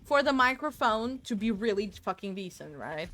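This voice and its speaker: Expressive and a bit bright, this woman's mid-range voice moves at a moderate pace with no echo. She chats rambling and talkatively while streaming a game from home on a desk mic, responding aloud to her chat.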